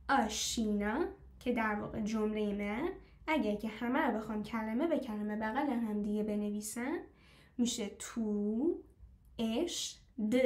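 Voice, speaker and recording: Female teacher, slightly high voice, patient stepwise explainer who quizzes her class; echoey room. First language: Persian. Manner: explains step by step, asks the class questions; slows down to model foreign phrases. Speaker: language teacher. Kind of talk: live online class.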